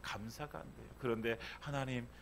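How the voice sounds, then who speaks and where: A male pastor preaching a Sunday sermon, asking rhetorical questions and swinging between loud emphasis and hushed lines. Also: medium pitch, moderate pace, a little hiss or hum.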